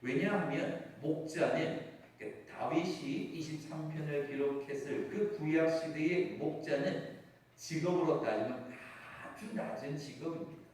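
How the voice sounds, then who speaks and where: A man pastor delivering a sermon, measured and drawing out key phrases. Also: a little high, darkish tone. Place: church sanctuary. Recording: very echoey church hall, mic from far off.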